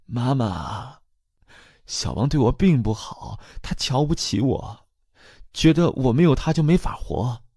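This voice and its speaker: A man's voice: very animated, a little slow, dark tone, slightly rough, no room sound, clean studio sound, heavily acted. A man voicing an anxious grown woman who begs her family for love, pleading and tearful. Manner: pleading, tearful, high-pitched.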